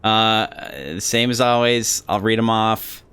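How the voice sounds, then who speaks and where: A man chatting casually with his viewers during a live game stream, halting and talkative. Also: lowish voice, pushed and bright, smooth.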